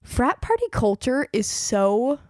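Here the young female podcast host, in her 20s, sits fairly high in pitch and sounds very animated, yet she takes her time, with a slightly mellow quality and no echo in the dry room. It's casual true-crime chat, peppered with "like," as her voice frays and gives out.

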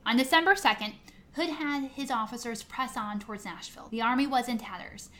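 Higher-voiced woman narrating history in an attic. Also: brisk, sharp tone. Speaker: history podcast co-host. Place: indoors in the attic of a historic house. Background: air conditioning may be running.

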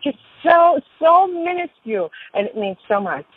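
A woman's voice: high-pitched, sing-song, moderate pace. A woman in a casual phone chat, telling stories in a rambling, emphatic way. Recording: tinny phone line.

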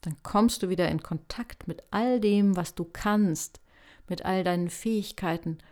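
A woman hosting a self-help podcast, talking calmly and gently to the listener in a reflective, coaching manner. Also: on the low side, unhurried. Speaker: podcast host.

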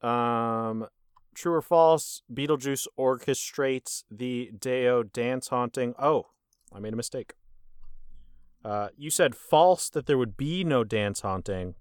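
A man's voice: medium pitch, slow pace, clear, resonant tone, no room sound. A man hosting a casual movie podcast, quizzing his co-host and scoring answers with dry wit.

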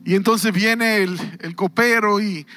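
A male pastor preaching an impassioned sermon, often rising to a shout. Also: high voice, steady tone, slow pace, faint music behind.

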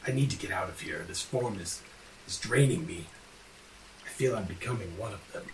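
A man voicing a huge cursed elf prince trapped in a monster's body, speaking haltingly and broodingly in a tabletop game. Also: medium pitch, sing-song, voice pushed down, lightly acted. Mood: weary, grave. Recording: roomy, distant mic with faint noise.

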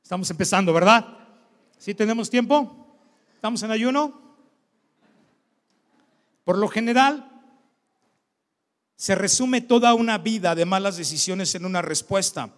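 High-voiced pastor in a reverberant hall. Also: male voice, measured pace, long pauses, fairly bright tone. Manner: conversational, keeps asking the congregation questions. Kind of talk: sermon. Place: church hall. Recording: long church-hall reverb.

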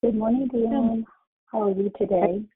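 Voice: medium pitch, slightly rough. Muffled caller, as if through a wall. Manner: halting, full of fillers. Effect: muffled, as if heard through a wall. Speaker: caller on a prayer line. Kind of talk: casual testimony and thanks. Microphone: phone. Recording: muffled phone line.

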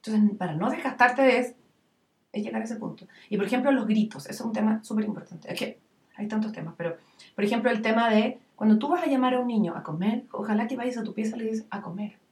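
Animated Chilean woman in a roomy echo. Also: a little high, fast talker. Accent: Chilean Spanish. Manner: animated, acts out scenes with lively voices. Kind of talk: casual parenting advice chat. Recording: roomy echo, distant mic.

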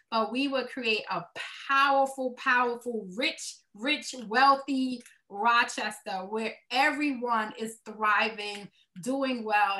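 A woman's voice: fairly high pitch, bright, forceful tone, poor audio. A woman with a Brooklyn accent answering interview questions as a nonprofit executive, earnest and emphatic, repeating words to drive a point home. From Brooklyn, New York, United States.

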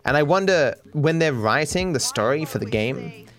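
A tired Australian man with a cultivated accent muses while answering viewer questions, rambling casually and trailing off with fillers and restarts. His voice is a little high, with lively intonation and a moderate pace, over soft background music.

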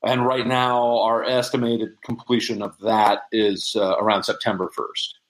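A man's voice: lowish voice, level tone, unhurried, low-quality recording. A man speaking casually as an interview guest, explaining things with frequent restarts and doubled phrases. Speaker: interview guest, prop and audio drama maker.

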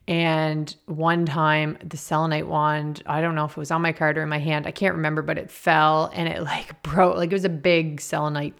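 A woman podcast host chatting informally and easily in a casual style, recorded at a desk in a small basement office. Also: deep voice. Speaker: podcast host and energy healer. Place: small basement office indoors, slightly echoey. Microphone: podcast microphone at a desk.

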